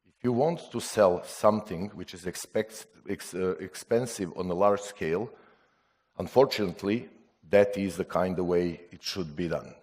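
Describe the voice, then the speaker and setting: A man's voice: low-pitched, darkish tone. Serbian man giving a conference talk. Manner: non-native English, halting with restarts and fillers; asks the audience rhetorical questions. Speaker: conference speaker.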